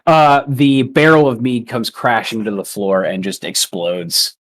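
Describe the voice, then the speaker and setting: A man's voice: medium pitch, steady tone, measured pace. A man running a tabletop game as game master, narrating loosely and casually with some swearing.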